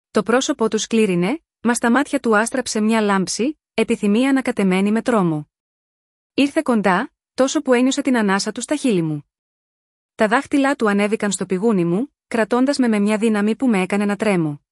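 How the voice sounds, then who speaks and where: A woman narrates a first-person romance in a measured, sensual tone. Her voice sits a little high, and the sound is dry and close with no room around it. The delivery is calm and scripted, like an audiobook reading. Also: dry recording. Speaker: storyteller.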